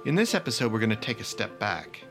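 A man co-hosting a philosophy podcast, explaining ideas in a measured way. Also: on the low side, very animated, music in the background. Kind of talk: conversational philosophy discussion.

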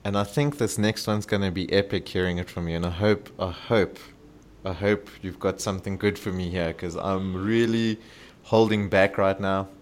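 A man's voice: low-pitched, steady tone, moderate pace. A man hosting a casual podcast interview, playful and laughing often as he asks questions. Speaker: podcast host.

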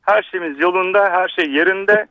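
A man's voice: high voice, moderate pace, dry recording. A male doctor calling in to a radio show over a telephone line, complaining about taxes in an aggrieved way with hesitant fillers. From Bursa, Turkey. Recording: muffled phone line, dry.

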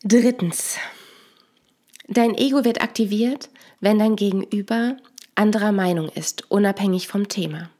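A woman narrates a scripted story in a calm, explanatory manner. Her pitch sits in the middle range. She moves steadily between the scenes and the points she explains. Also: a little slow.

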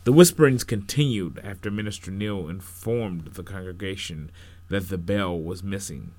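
A man narrating a first-person story in an unhurried, expressive storytelling manner. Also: low-pitched, no echo.

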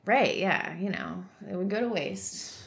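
A woman's voice: medium pitch, unhurried, gravelly. A woman co-hosting a podcast in casual chat, coming down with a cold. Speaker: podcast co-host.

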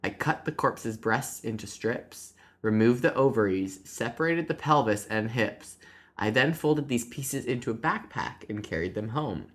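A woman's voice: rumbling low, unhurried. A woman reading aloud the confession of a male Russian killer, putting on a half-hearted voice for him. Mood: reading flatly. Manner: flat confession read aloud, breaking into giggles. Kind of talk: true crime podcast reading.

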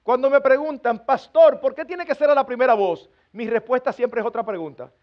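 High-voiced man preaching a sermon. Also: brisk, muffled recording. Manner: earnest, acts out parents scolding children with humor. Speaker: pastor. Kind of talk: sermon to a congregation.

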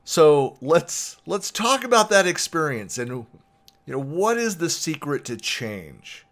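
A man's voice: a little high, very animated, slow pace, fairly bright tone. A middle-aged male podcast host spinning a personal anecdote. He talks in a loose, conversational way, full of little fillers. Now and then he chuckles as he lets the story build.

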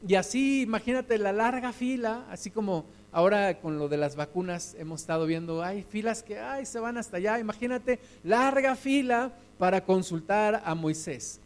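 Male preacher, high voice, conversational sermon, rhetorical questions. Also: expressive, normal speed, few pauses. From Mexico. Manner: asks listeners rhetorical questions, retells scripture vividly.

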